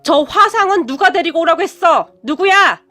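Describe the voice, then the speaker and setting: A strict, scolding elderly father-in-law who barks orders at his grown daughter, read by a woman in a high, raised storybook voice. The voice sits well above her own register and stays firm and commanding throughout. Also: expressive, normal speed, a bit bright, soft background music. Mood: angry.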